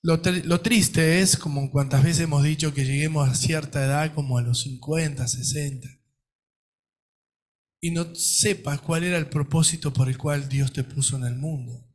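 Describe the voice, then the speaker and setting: A man's voice: fairly high pitch, steady tone, normal speed. A man with an Argentine Spanish accent, a pastor delivering a sermon, asking rhetorical questions and acting out quoted voices. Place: church.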